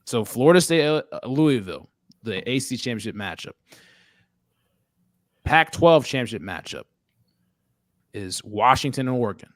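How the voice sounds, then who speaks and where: A man's voice: medium pitch, expressive, moderate pace, long pauses, fairly bright tone, no room sound, clean studio sound. A man hosting a casual sports talk show, leading the talk and quizzing his co-hosts in a joking way. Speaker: podcast host.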